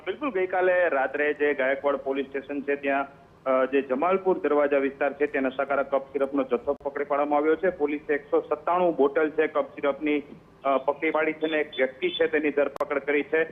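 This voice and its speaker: A man's voice: a little high, steady tone, fairly quick. A male field reporter giving a live, unscripted news report, with fillers and restarts. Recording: tinny phone line.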